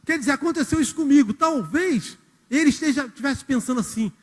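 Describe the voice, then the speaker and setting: In a reverberant church hall, a man with a very high, expressive voice preaches a brisk sermon as a church elder. He tells stories, acts out quotes, and speaks directly to the congregation.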